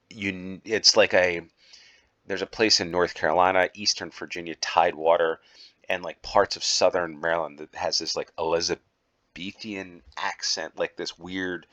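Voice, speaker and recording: A man's voice: deep voice, sharp tone. A man from the United States, hosting his own channel, gives casual gameplay commentary at home, rambling and thinking aloud with many fillers. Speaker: channel host.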